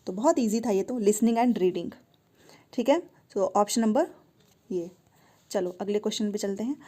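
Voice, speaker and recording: Brief: female exam-prep teacher, mellow and higher-pitched, coaxing, explains step by step. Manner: explains step by step, slows down to read English question text; coaxing, checks understanding with the listener.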